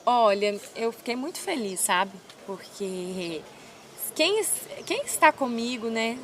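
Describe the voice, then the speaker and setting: Woman in her twenties, brazilian, interview talk, devout and heartfelt, clear background noise. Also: a little high, slow. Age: 20s. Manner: emotional, devout, animated retelling. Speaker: MMA fighter. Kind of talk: casual interview.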